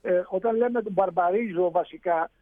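A radio show guest with a high voice explains Greek pronunciation, sounding hesitant and full of fillers and restarts. The recording is dry, narrow, and tinny.

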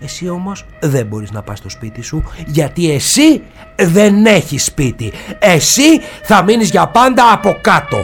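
Male actor as a vain braggart, theatrical, high and very lively voice, stammers when cornered, comic audio drama. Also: faint music behind. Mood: gloating. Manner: theatrical, swinging between gloating and stammering panic. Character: boastful, flustered man who mocks then panics.

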